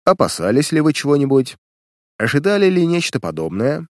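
A man voicing a calm adult detective who speaks dryly and curtly in a storybook reading. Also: on the high side, brisk, dry recording, voice pushed up. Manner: calm, dry and curt. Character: calm, dry-spoken adult male detective.

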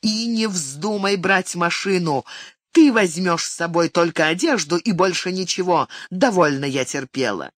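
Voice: animated, a little slow, a bit bright, dry recording, studio quality. An audiobook reader voicing a drunken, furious middle-aged mother who shrieks insults at her son. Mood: screaming, furious. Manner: shrill, screeching insults. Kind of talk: audiobook character reading.

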